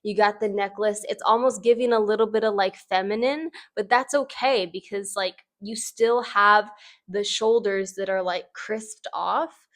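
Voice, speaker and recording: A woman's voice: mid-range voice, steady tone, measured pace. A woman with a mid-range voice hosts casual fashion commentary. She talks in a chatty, informal way, offering personal opinions and often dropping "like" into her sentences. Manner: informal, conversational, frequent "like" as emphasis.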